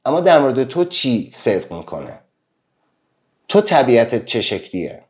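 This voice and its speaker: A man's voice: medium pitch, very animated, darkish tone. Man, self-help speaker on a live stream, earnest, full of rhetorical questions. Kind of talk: live-stream motivational talk.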